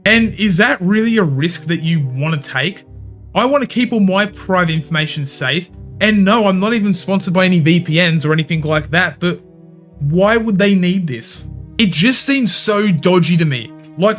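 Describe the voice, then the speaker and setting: A man hosting a gaming commentary channel, talking bluntly with opinions and casual swearing. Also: sits high. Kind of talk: scripted video commentary.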